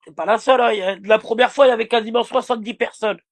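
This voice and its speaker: High-voiced gravelly man ranting. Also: steady tone, very fast. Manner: insulting, repetitive, addresses a rival directly. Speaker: livestreamer. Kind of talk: heated livestream rant.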